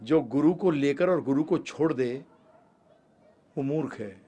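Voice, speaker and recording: A man giving a devotional lecture on scripture, emphatic, with rhetorical questions and repeated phrases, often jumping up in pitch and loudness to stress a point. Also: animated, a little slow, breathy edge. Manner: uses rhetorical questions and repetition. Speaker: spiritual lecturer.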